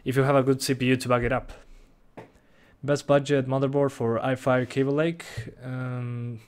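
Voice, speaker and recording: On his live stream, a young Uruguayan man reads chat questions out loud and answers them in a relaxed, casual way, chuckling a lot. A native Spanish speaker with a Rioplatense accent, he has a clear, resonant voice at medium pitch and normal speed.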